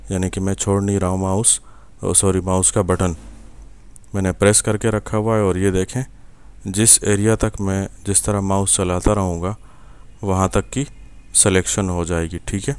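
A young Pakistani man with an Urdu accent and a very low, smooth, resonant voice walks the viewer through a software tutorial at his desk. He speaks patiently, step by step, pausing on fillers and checking in with the viewer as he works. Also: little pitch movement. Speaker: software instructor. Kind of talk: screen-recorded tutorial.

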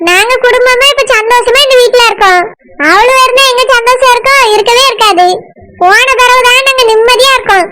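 A woman's voice: very high-pitched, brisk. A woman voicing a boastful, domineering village sister-in-law in a cartoon, speaking with a Tirunelveli accent in a bragging, bossy way. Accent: Tirunelveli Tamil. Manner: bragging, bossy, self-satisfied. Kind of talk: cartoon voice acting. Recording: loud background noise.

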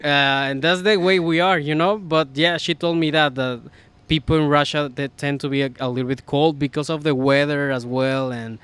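A man's voice: fairly high pitch, steady tone, normal speed, a bit bright, clean tone. A man from Mexico, hosting an interview in a chatty, storytelling way. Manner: conversational, storytelling. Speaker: podcast host. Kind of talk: casual interview chat.

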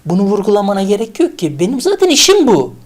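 A teacher putting on the voice of an exasperated psychologist in a vocabulary lesson, speaking higher and indignant. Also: wildly swooping pitch, quick pace, a little hiss or hum.

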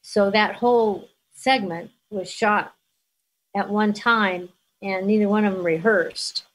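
A woman's voice: medium pitch, fairly even intonation, takes it slowly, low-quality recording. An older woman, a guest in an interview, telling stories about her past with frequent laughter. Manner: warm storyteller, laughs often. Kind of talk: reminiscing conversation.

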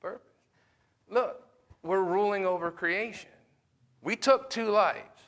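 Pastor, man, Sunday school teacher; conversational, peppers the room with questions; forceful tone. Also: high voice, slow. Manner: questions the class often; conversational, with fillers.

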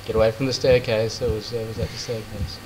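A man's voice: fairly low pitch, little pitch movement, fast. A young man grumbling and swearing casually while a friend plays a horror game. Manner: grumbling, swearing, matter-of-fact. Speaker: gamer playing with a friend. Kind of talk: casual let's-play chat. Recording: audible background noise and clicks.

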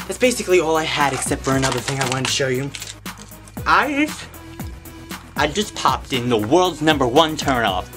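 Young man, comic vlogger, flamboyant and profane, lively swooping pitch, close camera mic with background music. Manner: sassy, flamboyant, profane, sing-song emphasis. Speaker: vlogger giving comic advice. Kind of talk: casual comedic vlog rant. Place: hot indoor room, below ground.

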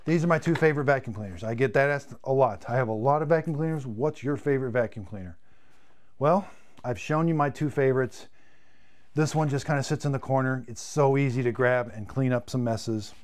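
A fifties-aged man with a medium-pitched voice talks a little fast as he reviews cleaning gear on a live stream from his home studio, where shelves hold vacuums. He's chatty and enthusiastic, repeats words as he goes, and his voice is giving out.

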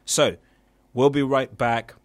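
A man's voice: medium pitch, steady tone, slow, dry recording. A young man who grew up in Nigeria, hosting a motivational radio talk show in an earnest manner with frequent fillers. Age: young adult. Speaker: radio host.

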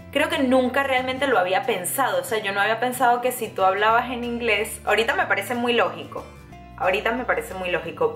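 A young woman from Venezuela with a Venezuelan accent, telling a casual story to camera in a chatty, animated way with many fillers and restarts. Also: mid-range voice. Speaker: vlogger. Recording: echoey room, faint music behind.

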